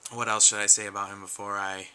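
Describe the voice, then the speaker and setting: A man's voice: fairly low pitch, flat delivery, fast talker, bright, forceful tone, smooth, rough recording. A man talking earnestly to camera in a casual vlog, rambling with frequent restarts and losing his voice a little. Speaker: YouTube collector vlogger.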